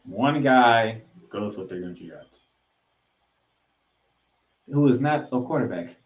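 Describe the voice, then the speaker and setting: Here the sports podcast host talks slowly in a mid-range voice, animated as he recaps the action with stats and stresses names and numbers. Echo from a roomy space surrounds him.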